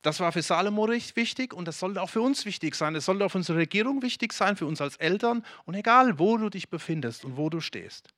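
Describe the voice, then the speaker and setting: A man from Germany delivers a lively sermon and talks directly to his listeners. His voice sits a little high for a man. The sound is dry and close, with no room echo. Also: fast, hardly any pauses. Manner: lively preaching with many restarts and direct address to the congregation. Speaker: pastor.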